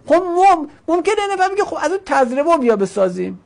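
Woman teacher going through grammar, lively up-and-down voice, makes the word forms talk like little characters. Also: sits high, gravelly. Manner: poses questions to the class and answers them. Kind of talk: grammar lesson.

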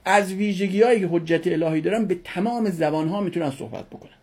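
A woman's voice: fairly low pitch, darkish tone, husky. A woman teaching a religion class who asks her students questions and answers them herself, repeating key words for emphasis.

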